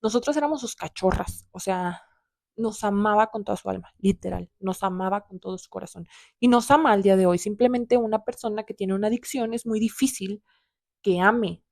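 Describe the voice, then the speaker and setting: A woman's voice: medium pitch, fairly quick, creaky, darkish tone, no echo, studio quality. A young woman with a Mexican accent tells a personal story to her viewers, heartfelt and calling out to them as friends. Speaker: vlogger.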